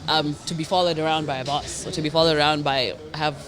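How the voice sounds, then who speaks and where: Podcast guest: woman, deep magnetic low register, talks quickly in relaxed conversation. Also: soft background music. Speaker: podcast guest, singer and presenter. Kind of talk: casual podcast chat.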